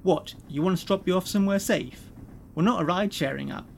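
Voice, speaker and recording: A man's voice: sits high, fast talker, creaky, a little hiss or hum, voice pushed up. A man voicing a smug, slick corporate executive who talks in a breezy, condescending, amused way.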